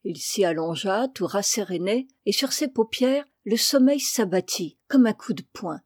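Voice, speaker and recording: A woman narrating a literary audiobook in a measured, expressive reading voice. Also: mid-range voice, no room sound, clean studio sound. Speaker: audiobook reader.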